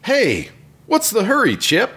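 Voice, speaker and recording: A small, eager young robot, as a man puts him on, high-pitched and excitable with a lively, bouncing voice. He speaks unhurriedly, in a comic script table read. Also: measured pace, slightly rough, exaggerated voice. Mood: curious.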